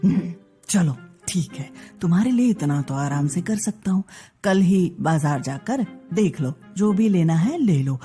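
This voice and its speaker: A mild, trusting rich husband from a storybook, as a woman puts him on, spoken in a voice dropped low and kept soft. He sounds easygoing and indulgent, with faint music underneath. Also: expressive, measured pace. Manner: soft, lowered, mild-mannered speech. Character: gullible wealthy husband and father, gentle. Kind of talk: storybook character acting.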